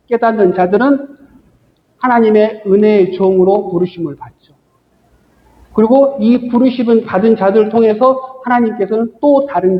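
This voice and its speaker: Male pastor teaching, high voice, echoing hall. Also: lo-fi sound. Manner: storytelling, emphatic questions. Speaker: pastor teaching Bible study. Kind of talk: Bible study lecture. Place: church hall.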